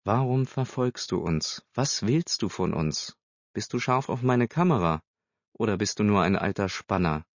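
A man's voice: on the low side, lively intonation, moderate pace, no echo. A man voicing a cocky, sporty teenage boy in a storybook reading, bold and teasing. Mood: suspicious. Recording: slightly dull dry recording.

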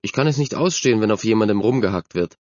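A self-assured, kind-hearted sporty girl from a storybook, as a man reads her in a low, close voice. She speaks in a friendly, firm way. The recording sounds dull and dry. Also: expressive, fast, a little mellow, no room sound, natural voice. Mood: confident. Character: confident, kind sporty girl, team captain.

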